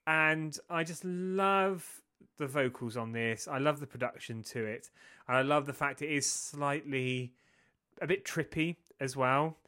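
A man with a bright, forward voice, pitched a little high. He talks informally and conversationally as a music podcast co-host. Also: unhurried. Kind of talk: casual music chat.

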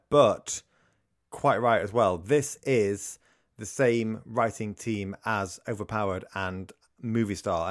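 A man's voice: fairly low pitch, dry recording. A man co-hosting a podcast, talking about music with a dry, wry humor. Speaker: podcast co-host. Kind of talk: casual music review chat.

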